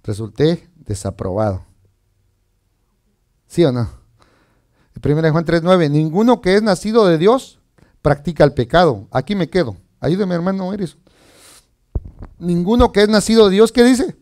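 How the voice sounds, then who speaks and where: A man's voice: sits high, lively intonation, moderate pace, long pauses, a little mellow. A man preaching as pastor, reading scripture and asking the congregation questions in a chatty, conversational way. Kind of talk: sermon.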